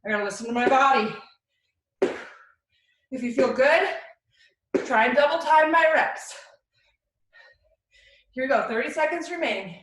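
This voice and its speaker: A woman's voice: sits high, a bit bright. A woman fitness instructor coaching a live workout in short, encouraging cues and countdowns. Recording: very echoey room, distant mic.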